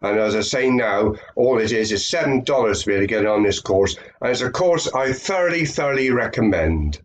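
An older British affiliate marketer speaks briskly and expressively in a mid-range voice. Nasal with a head cold, he gives a rambling webcam talk from a small room, full of fillers and repeated phrases.

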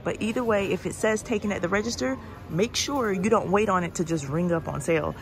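A shopping vlogger with a mid-range voice talks briskly while walking through a large indoor retail store, filming on a phone held in her hand. It's a casual walk-and-talk store tour, and she chats directly to her viewers.

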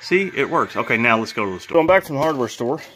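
A man's voice: mid-range voice, animated, fast, fairly bright tone, faint music behind. A man hosting a casual home renovation vlog, chatting informally while showing tools and work. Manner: chatty, informal, laughs at own jokes. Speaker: channel host, DIY renovator. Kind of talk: casual DIY vlog narration. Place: mobile home and workbench indoors.

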